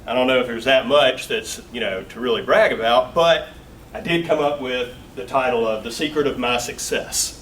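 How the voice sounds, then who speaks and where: A man's voice: mid-range voice, moderate pace, a bit bright. Southern US man, 40s, easygoing joking guest speaker, recorded from a distance. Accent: Southern US, Augusta Georgia. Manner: folksy and joking, with filler words. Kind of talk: casual company talk. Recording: distant mic with faint room noise.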